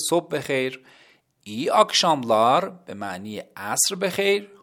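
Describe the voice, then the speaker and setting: Lively man teaching a language lesson. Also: on the high side. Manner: lively, addresses listeners as kids, repeats words slowly.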